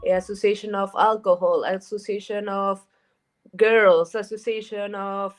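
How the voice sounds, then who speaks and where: A woman from Rica, a guest chatting casually in an interview, talking in a halting way with repeated words and lots of fillers. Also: mid-range voice, little pitch movement. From Costa Rica. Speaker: guest, cannabis events organizer.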